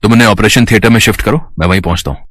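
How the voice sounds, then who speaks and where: A greedy, scheming male doctor from a storybook drama speaks in a low, manipulative voice, played by a man. The sound is close and dry, with no room around it. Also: very fast, a bit bright, no echo. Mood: cold.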